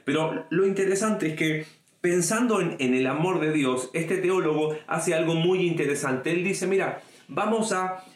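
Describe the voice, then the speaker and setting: A man's voice: moderate pace, reverberant. A man giving an online sermon to young people in a conversational way, asking his listeners questions and acting out quoted voices. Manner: conversational, asks the audience questions; acts out quoted voices with a raised pitch. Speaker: youth preacher.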